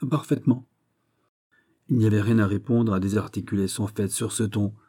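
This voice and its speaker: Reading a classic novel for an audiobook, a man narrates in a measured way, his warm voice sitting on the low side with little pitch movement.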